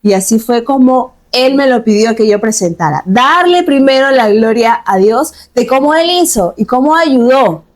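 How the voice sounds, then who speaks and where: Higher-voiced woman hosting faith podcast. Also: animated, moderate pace, few pauses. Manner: warm welcoming, with affirming backchannels. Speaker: podcast host.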